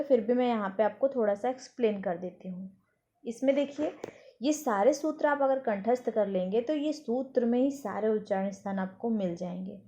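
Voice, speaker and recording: A woman teaching a grammar lesson for exam preparation. She explains patiently, recites the rules slowly and asks and answers her own questions. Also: fairly high pitch, dark tone.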